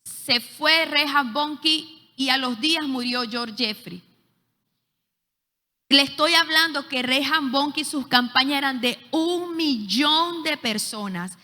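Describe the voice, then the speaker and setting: A woman's voice: high voice, slow pace. A woman, teaching at a church leadership school and telling stories with frequent hesitations. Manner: lively storyteller, frequent hesitations. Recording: echoey hall.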